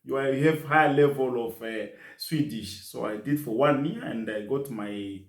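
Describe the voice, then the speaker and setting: Telling stories as a guest in a casual interview, a middle-aged Congolese man speaks English, with French being his language. He talks earnestly at a moderate pace in a middle pitch, looping back and repeating phrases, in a roomy recording with noticeable echo.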